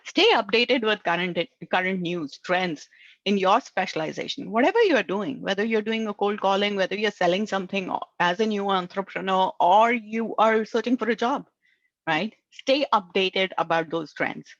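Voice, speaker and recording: A woman coaches on networking in an earnest advice talk, her Indian accent marking English as her second language, and she often closes a line with "right?". She talks at normal speed in a medium-pitched voice. The recording is dry, with the highs cut off.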